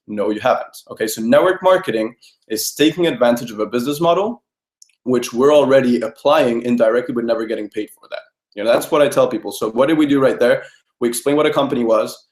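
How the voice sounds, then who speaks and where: Young male trainer, rapid persuasive delivery, leans on "okay?", roomy sound. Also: medium pitch, a little mellow. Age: young adult. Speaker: network marketing trainer. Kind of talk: training talk to a group. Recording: roomy echo.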